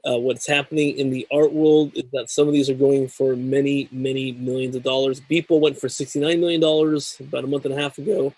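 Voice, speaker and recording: A man's voice: mid-range voice, flat delivery, darkish tone, dry recording, low-quality recording. A man hosting a tech talk show, reading news items and then interviewing a guest. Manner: measured, reads news items then chats. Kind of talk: scripted news segment and interview.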